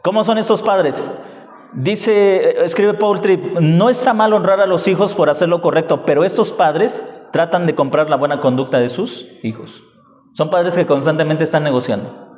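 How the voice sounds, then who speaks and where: A man's voice: a little high, normal speed, a little mellow. A man preaching a sermon as pastor, asking the congregation rhetorical questions and acting out the lines of parents. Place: church hall. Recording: echoey church hall.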